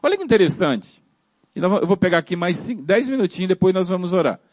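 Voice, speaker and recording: Preacher, high tenor, emphatic and repetitive, dry close recording. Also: male voice, animated, quick pace, a little mellow, dry recording. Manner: emphatic, repeats phrases and calls out to the congregation. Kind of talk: sermon.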